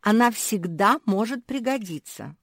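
Woman putting on a shrill spoiled puppy girl. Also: animated, measured pace, dry recording, studio quality. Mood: pleading. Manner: shrill and haughty. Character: spoiled snobbish little Labrador puppy girl.

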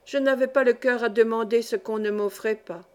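A woman's voice: a little high, fairly even intonation, normal speed. Woman reading a classic novel aloud. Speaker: audiobook reader. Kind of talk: scripted narration.

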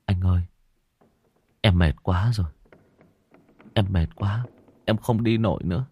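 A man's voice: medium pitch, unhurried, pitched above the performer's own voice. A man voicing a frightened younger brother who is crying and pleading in panic. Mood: exhausted, whimpering.

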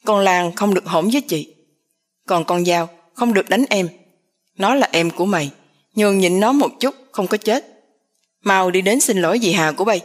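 A woman's voice: medium pitch, normal speed, close to an everyday voice. A woman voicing a stern older father who lays down the law to his family. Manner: firm, commanding, lecturing.

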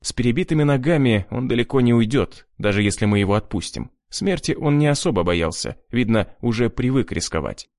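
A man's voice: mid-range voice, lively intonation, brisk, few pauses, a little mellow, dry recording, studio quality. A man reading an audiobook in a grim, cold first-person voice. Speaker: audiobook narrator. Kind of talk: scripted narration.

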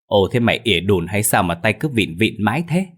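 Man voicing cowardly male thief, jittery, grumbling, fast nervous talk. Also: lowish voice, big pitch swings, fairly bright tone. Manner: nervous, quick, complaining.

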